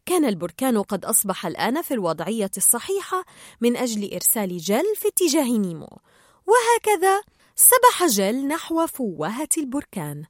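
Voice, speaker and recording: A woman narrating a children's storybook aloud in an expressive, lively way. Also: on the high side, fairly quick, no echo, studio quality.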